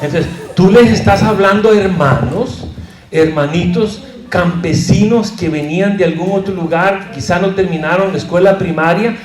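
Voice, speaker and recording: Un pastor que da una clase de predicación con humor, bromeando y haciendo preguntas al público. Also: male voice, high voice. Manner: lively, jokey, asks the audience questions. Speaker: pastor teaching a preaching class. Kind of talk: humorous lecture. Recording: roomy echo.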